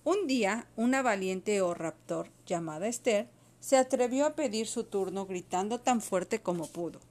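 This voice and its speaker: A woman reads a children's picture book aloud at home to a child. Her delivery is patient and expressive, in a mid-range voice. She narrates at an easy storytelling pace. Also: medium pitch, moderate pace.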